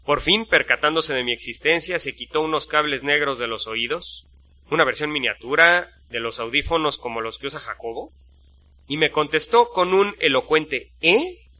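A male narrator tells a first-person story in a steady, suspenseful way. His voice is very bright and sits a little high. He keeps an even, measured flow as he narrates.

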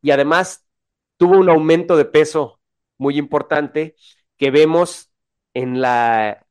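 Excited Mexican man chatting. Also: on the high side, slow, clear, resonant tone. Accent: Mexican Spanish. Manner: excited, slangy, many restarts. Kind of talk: casual chat.

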